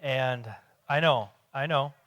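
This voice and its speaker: A man's voice: medium pitch, takes it slowly, fairly bright tone, no echo. A pastor in his forties giving a conversational sermon with self-deprecating humor. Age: 40s.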